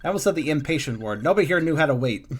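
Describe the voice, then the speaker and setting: A man reading a text game aloud with a calm, musing delivery and small slips and asides. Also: a little high, very fast, breathy edge.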